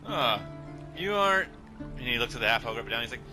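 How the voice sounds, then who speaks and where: A man's voice: medium pitch, lively intonation, quick pace, over music. A man bantering casually as a player at a tabletop game, reactive and joking.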